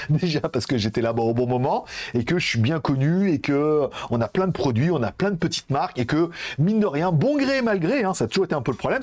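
Tech vlogger, male, loose casual chatter with crude slang, animated pitch. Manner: rambling, laughs often, crude slang. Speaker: tech youtuber. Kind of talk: casual chat. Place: Thailand.

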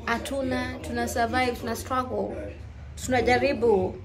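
A woman's voice: fairly high pitch, fairly even intonation, normal speed, crowd noise, rough recording. A young woman with a Kenyan accent vlogging casually to her phone at arm's length at home, switching between English and Swahili in a candid, chatty way. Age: young adult. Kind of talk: casual vlog chat to camera. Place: home kitchen, indoors. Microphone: phone held at arm's length.

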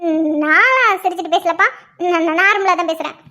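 A woman's voice: very high-pitched, a little fast, pushed and bright. A woman voicing a young cartoon girlfriend who teases and nags, twisting every reply into a complaint. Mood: teasing complaint. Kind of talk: cartoon voice acting.

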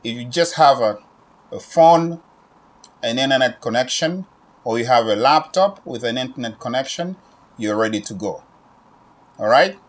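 A man's voice: medium pitch, animated, normal speed, long pauses. Urging man. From Democratic Republic of Congo. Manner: repetitive, urging, with frequent "okay?" tag questions. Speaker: business owner promoting online training. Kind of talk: direct-to-camera sales pitch. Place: his own shop, indoors. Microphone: camera at medium distance, standing.

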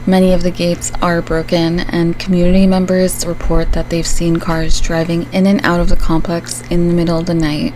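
Flat-voiced woman narrating true crime. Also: on the low side, slight background noise, poor audio. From Syria. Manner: measured, explanatory, earnest. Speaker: true crime channel host.

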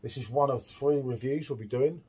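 A middle-aged man chatting excitedly while reviewing a beer at a home bar, full of tag questions. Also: medium pitch, moderate pace, slightly rough. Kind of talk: casual beer tasting chat.

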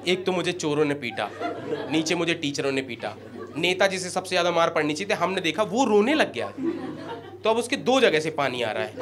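A man with an Indian accent doing animated stand-up comedy storytelling on stage and acting out the quoted lines. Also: sits high. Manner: animated, acts out quoted lines, addresses the crowd directly. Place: comedy stage before a live audience. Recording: live show with loud crowd laughter and noise. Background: loud audience laughter.

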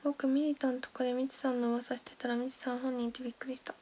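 Young woman, high voice, chatty livestream host on a close mic. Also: flat delivery, fast, slightly rough. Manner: chatty, thanks viewers by name, drops to soft whispers. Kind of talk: casual livestream chat reading comments.

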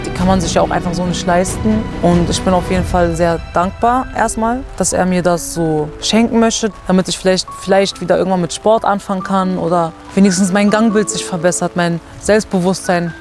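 A woman in her twenties from Germany, telling her own story in a candid, casual documentary interview, recorded outdoors in a garden with a lapel mic. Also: on the low side. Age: 20s. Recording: music bed behind the voice.

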